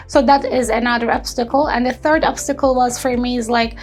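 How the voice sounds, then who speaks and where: With faint music in the background, a young woman from Turkey gives a personal testimonial interview as an intern and entrepreneur. Her slightly high voice holds a steady tone as she talks earnestly, pausing on fillers and restarting sentences while she hunts for words.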